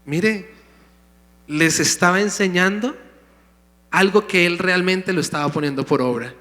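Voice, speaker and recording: A man's voice: high voice, a little slow, sharp tone. A pastor preaching a sermon, emphatic, calling out to his congregation in a church sanctuary. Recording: long hall reverb.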